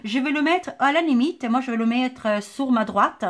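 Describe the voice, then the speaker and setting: A woman's voice: high-pitched, expressive, moderate pace. A woman with a southern French accent hosting a live craft tutorial, chatting and greeting viewers by name as she works. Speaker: scrapbooking tutorial host.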